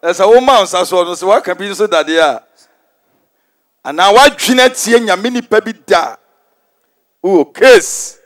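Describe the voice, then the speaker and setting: A man with a Ghanaian accent preaching a forceful, repetitive sermon in a large stadium, mixing in English phrases. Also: high-pitched, lively intonation, a little slow, pauses often. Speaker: prophet preaching.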